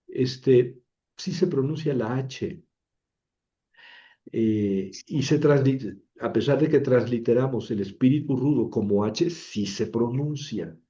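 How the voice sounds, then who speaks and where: A man's voice: mid-range voice, slow pace, warm tone, muffled recording. A man teaching Biblical Greek in a chatty, self-mocking lecture, repeating words to drill pronunciation. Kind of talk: informal classroom lecture.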